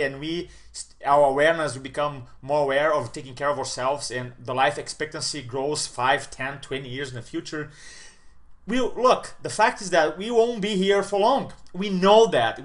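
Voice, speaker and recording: A speaker and coach in his 40s delivers an upbeat motivational talk straight to camera, his voice a little high. He stacks repeated words for emphasis and swings between loud bursts and quiet lines.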